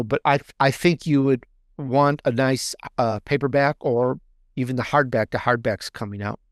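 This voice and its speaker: With a mid-range voice and clean studio sound free of room noise, a male guest author chats in a video interview set against books. He explains things enthusiastically and rambles a bit.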